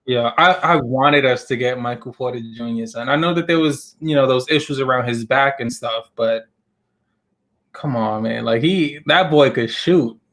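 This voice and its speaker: A man's voice: medium pitch, normal speed, fairly bright tone. A man co-hosting a live basketball stream, giving emphatic, opinionated takes in casual slang. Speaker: co-host of a live sports show. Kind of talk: casual sports chat.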